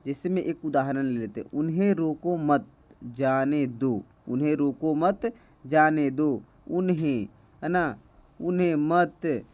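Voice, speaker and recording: A man's voice: a little high, slow. Man teaching grammar, dull lo-fi sound. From India. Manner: repeats key terms, frequent "ठीक है" checks. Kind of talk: Hindi grammar lesson.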